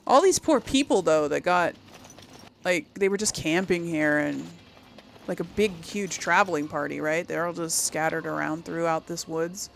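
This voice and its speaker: In this clip a woman's voice sits low and moves at normal speed as she gives casual gameplay commentary, reacting in short comments and thinking out loud for her audience. Game effects and ambience play clearly in the background.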